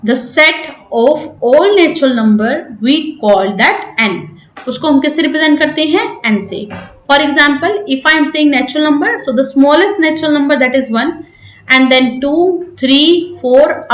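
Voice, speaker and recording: Woman, Indian accent, maths teacher, high-pitched, very slow, echoey room. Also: a bit bright. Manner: explains step by step, checks in with 'right?'. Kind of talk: classroom lesson mixing English and Hindi.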